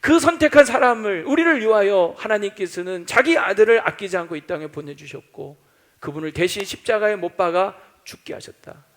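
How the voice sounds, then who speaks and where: A man's voice: high voice, expressive, fairly quick, fairly bright tone. A male pastor preaching a sermon, acting out doubting voices and quoting scripture as he goes.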